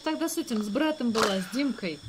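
A woman talks quickly and casually in an online game role-play. Her pitch is middling and there is faint noise behind her. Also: lively intonation.

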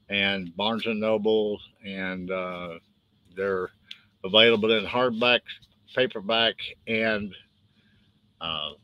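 Rambling in folksy fashion about his own books on a live stream, this older man from West Texas speaks with a twang in a lowish voice that sounds pushed and bright. The recording is low quality, with slight background noise.

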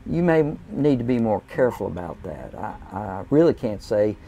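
Speaking from inside his camping trailer, an older RV travel vlogger offers casual how-to advice to camera through a lapel mic. His low-leaning voice is creaky, mellow, and sing-song, and his folksy, unhurried delivery is peppered with "uh."

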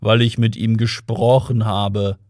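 A man voicing a depressed male robot in an audiobook, speaking in a slow, dull, droning monotone. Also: on the low side, dry recording, studio quality, close to an everyday voice. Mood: gloomy.

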